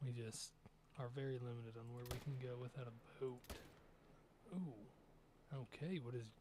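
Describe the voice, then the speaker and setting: A man's voice: medium pitch, background noise. A young man streaming a hunting game, giving casual, rambling commentary as he thinks aloud over his shots.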